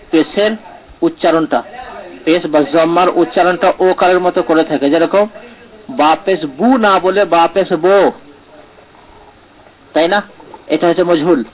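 A man's voice: high voice, low-quality recording. A man teaching Quran pronunciation in a live lesson, explaining step by step and often checking in with "right?". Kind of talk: live online lesson answering comments.

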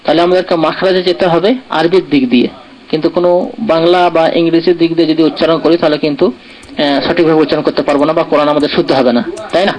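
A man with a slightly raised voice teaches a pronunciation lesson. He breaks letters into slow, careful syllables and keeps checking that the class is following, asking "right?" again and again. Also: a little high, little pitch movement, a little mellow, low-quality recording. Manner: explains patiently, checks understanding with repeated "right?"; sounds out letters slowly, syllable by syllable. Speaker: Quran recitation teacher.

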